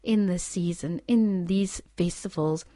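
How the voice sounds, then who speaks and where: A woman's voice: lowish voice, measured pace, no echo. A woman giving an informal sermon and sharing a testimony in an earnest way, often restarting her sentences. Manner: earnest, with repeated restarts and soft laughs.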